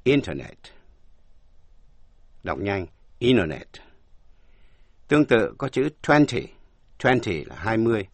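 A man teaching English pronunciation in a language lesson, slowly spelling words out letter by letter. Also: on the low side, very animated, dry recording.

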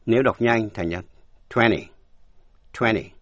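A man teaching English pronunciation in a language lesson, slowly spelling words out letter by letter. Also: on the low side, expressive, dry recording.

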